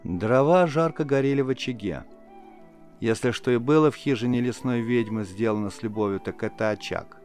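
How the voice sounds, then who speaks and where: A man narrating a fantasy audiobook in a measured, scripted way. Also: medium pitch, darkish tone, soft background music.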